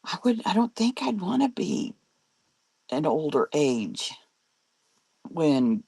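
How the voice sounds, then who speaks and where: An older grandmother talks slowly and easily on a live stream, her voice low with a gravelly edge, and her pitch swings widely. She chats and laughs between viewer comments, and the sound is close and dry. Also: big pitch swings, mellow, no echo. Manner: chatty, laughs often, reads viewer comments aloud. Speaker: live-selling host. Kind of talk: casual live-stream chat.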